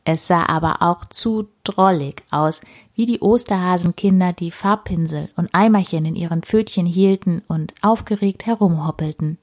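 Breathy woman reading a children's story. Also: lowish voice, normal speed. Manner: soft, hushed storytelling.

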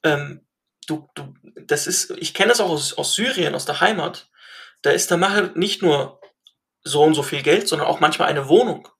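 Gravelly young man telling stories. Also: fairly high pitch, moderate pace. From family from Syria. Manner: animated storytelling, many fillers and restarts. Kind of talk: casual conversation.

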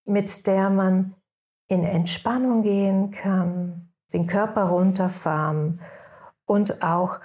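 A woman leads listeners through a short guided meditation. She speaks slowly and calmly, with a middle-pitched voice. Her phrases often fade into hushed whispers. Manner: slow, soothing, drifting into soft whispers.

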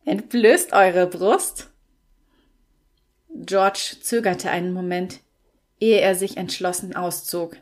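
A woman reads a fantasy tale aloud at a slow, unhurried pace. Her delivery is measured and steady, in the way of a scripted audiobook narration. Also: fairly low pitch.

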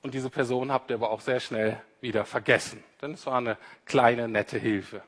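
A man's voice: medium pitch, steady tone, moderate pace, fairly bright tone. A man giving a conversational sermon, speaking straight to his listeners and acting out the quoted lines. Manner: conversational, addresses listeners directly, acts out quoted speech. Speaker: preacher. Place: church hall. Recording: reverberant hall.

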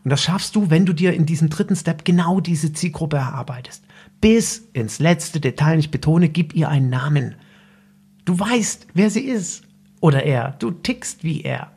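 A man's voice: fairly high pitch, normal speed, gravelly, a little mellow, husky. A man hosting a solo coaching podcast, giving direct, instructive advice straight to the listener in a loose, unscripted way. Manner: loose, with fillers and restarts. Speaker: business coach and podcast host.

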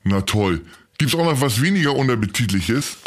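Male host for a comic sketch, mid-pitched, teasing and exasperated straight man. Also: lively intonation, moderate pace, soft background music. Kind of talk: scripted comedy sketch dialogue.

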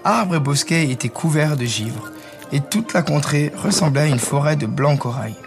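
A man narrating a fairy tale in a calm, descriptive storytelling manner. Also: on the high side, moderate pace, music in the background. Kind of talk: reading a fairy tale aloud.

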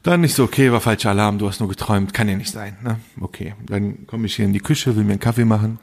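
Gravelly slangy man telling a story. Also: on the low side, quick pace. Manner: animated slangy storyteller, acts out both sides of dialogue. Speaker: podcast co-host. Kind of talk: casual storytelling chat.

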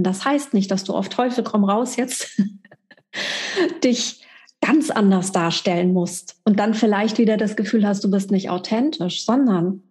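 A woman's voice: fairly high pitch, a little mellow. A middle-aged woman giving a monthly spiritual energy forecast, speaking directly and emphatically to the listener as a coach.

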